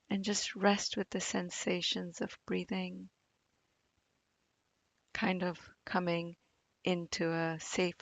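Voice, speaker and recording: A meditation teacher leads a guided body scan very slowly, her fairly low voice gentle and soothing. She leaves long pauses, and a gravelly fry creeps in at the edges. The recording is close, dry and of low quality.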